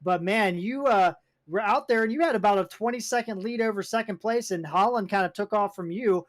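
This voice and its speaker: High-voiced male pit reporter. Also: a little fast, no room sound. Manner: rambling, self-correcting questions. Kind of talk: post-race interview.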